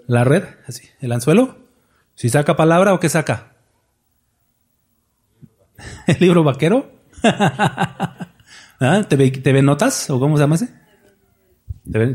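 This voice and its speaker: A man's voice: a little high, a little mellow. A man preaching a sermon as pastor, folksy and joking, often putting questions to his congregation.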